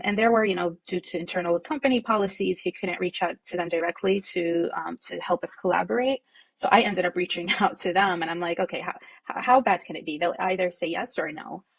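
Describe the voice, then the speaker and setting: 低沉沙哑的女声，语气平和，声音干燥贴近. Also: female voice, fairly low pitch, steady tone, moderate pace, creaky, husky. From Jordan. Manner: reflective, with frequent fillers and soft laughs. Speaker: nonprofit co-founder, guest. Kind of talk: conversational interview.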